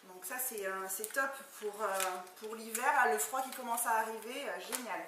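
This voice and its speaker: Female beauty vlogger, chatty and excited, far from the mic in a noisy, echoey room. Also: a little high, moderate pace. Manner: chatty, enthusiastic, many fillers. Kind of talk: casual product unboxing. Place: indoor room, far from the camera. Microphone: camera mic at a distance. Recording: echoey room, distant mic, background noise.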